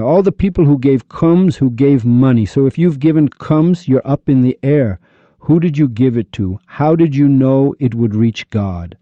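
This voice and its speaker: A man's voice: mid-range voice, warm tone, dry recording. Scolding man from Iran, dull lo-fi audio. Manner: scolding, insulting, rapid-fire rhetorical questions. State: upset. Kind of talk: heated religious monologue. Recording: dull lo-fi recording.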